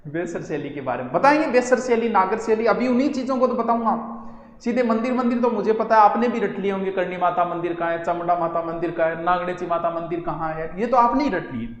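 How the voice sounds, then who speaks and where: A man's voice: high voice, brisk, reverberant, long reverb tail. A man teaching an exam-coaching lecture, who keeps asking questions and then answering them himself. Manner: lively, asks and answers his own questions.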